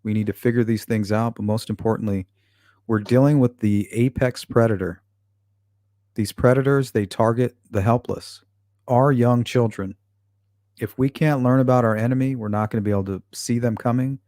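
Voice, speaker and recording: A man livestreams as channel host, reading viewer comments aloud and firing back blunt, profanity-laced answers in casual chat. His medium-pitched, dark voice stays steady at a normal speed, captured in clean studio sound with no echo.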